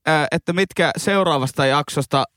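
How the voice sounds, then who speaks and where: Chatty podcast co-host man, slightly high. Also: a bit bright, dry recording, clean studio sound. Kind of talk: casual chat.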